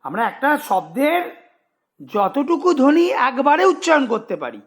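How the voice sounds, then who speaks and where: A man's voice: very high-pitched, big pitch swings, moderate pace. A man teaching a grammar lesson to school students, explaining patiently, repeating examples and checking if they follow.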